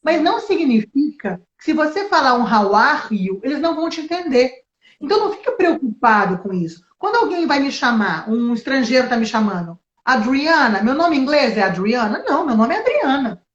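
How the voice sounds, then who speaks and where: A woman English teacher in a relaxed interview, lively and explaining with spoken examples. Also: high voice, a little fast. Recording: echoey, dull lo-fi sound.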